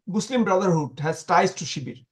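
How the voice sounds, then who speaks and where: A man being interviewed, talking in an animated, sarcastic way with many restarts and repeated words. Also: high voice, fairly quick. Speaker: guest commentator.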